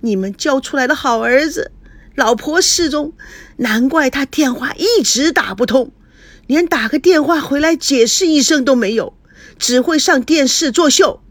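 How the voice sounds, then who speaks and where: A woman's voice: high voice, sing-song, normal speed, a bit bright, dry recording, pitched above the performer's own voice, exaggerated voice. A woman voicing an angry middle-aged businessman father who bellows at his family in a read-aloud story. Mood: accusing. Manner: bellowing, furious.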